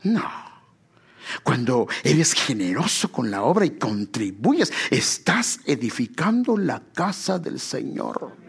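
Middle-aged pastor guy preaching, kinda husky, pitch jumps all over. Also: slow pace. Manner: animated preaching with quoted asides and laughs. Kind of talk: sermon.

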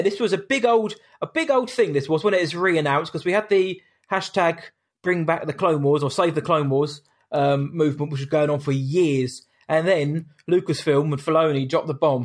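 Higher-voiced man, casual co-host. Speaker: podcast co-host. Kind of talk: casual podcast chat.

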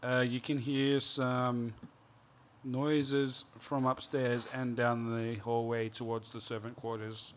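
A man's voice: mid-range voice, little pitch movement, slow, a little hiss or hum. A man running a tabletop game as game master, narrating scenes with many hesitations and fillers.

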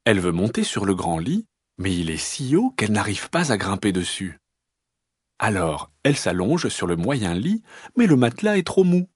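A man reading a children's story aloud in an expressive, lilting storyteller's voice. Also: low voice, moderate pace, slightly rough, dry recording.

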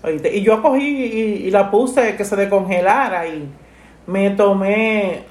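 A middle-aged woman, talking softly and haltingly about her late mother, full of grief. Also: medium pitch, roomy sound. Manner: grieving, soft and halting, with many restarts. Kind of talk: emotional personal conversation.

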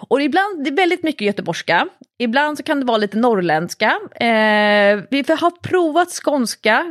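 A woman's voice: mid-range voice, dry recording. Playful woman, dry close sound. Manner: playful, acts out voices for laughs. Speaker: podcast co-host and coach. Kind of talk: casual chat.

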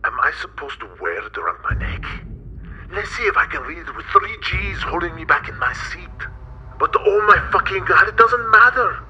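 A man's voice: high voice, big pitch swings, measured pace, long pauses, sharp tone, highs cut off, pitched above the performer's own voice, full character voice. A male narrator voicing a desperate, burly man who swears and nearly cries. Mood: panicked. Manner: frantic, swearing, near tears. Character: desperate burly man facing a doomed launch.

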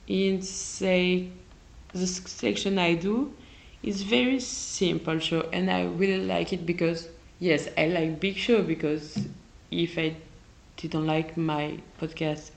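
A woman with a French accent, a native French speaker, hosting a solo podcast and often pausing to search for English words. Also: lowish voice, steady tone, vocal fry, poor audio. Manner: halting, searches for English words, self-correcting. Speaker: podcast host. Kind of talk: casual solo podcast talk.

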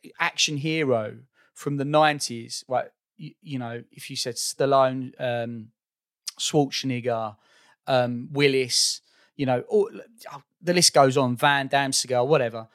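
A man in his forties with an Essex accent, chatting casually about film in an informal, fairly monotone way. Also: mid-range voice, unhurried, no room sound, studio quality. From Essex, England. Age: 40s. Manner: self-described monotone, informal.

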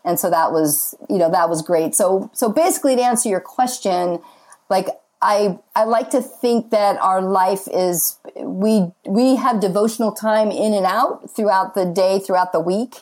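A woman's voice: mid-range voice, measured pace, a little mellow. A woman in her fifties, a guest talking earnestly and chattily about faith and marriage, with many casual fillers. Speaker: podcast guest.

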